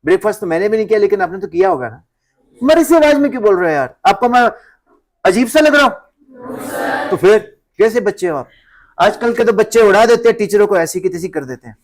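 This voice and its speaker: A male physics teacher telling a story to his class, animated and acting out the people in it, mixing Hindi with English physics phrases. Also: sits high, fairly quick.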